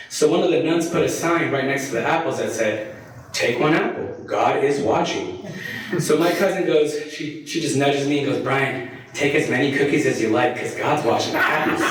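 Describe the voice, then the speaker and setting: This young Colombian man, a fundraising consultant, delivers a friendly, humorous talk to parishioners, peppered with fillers. His voice runs on the high side. He's recorded from a distance in a very echoey hall, with slight background noise.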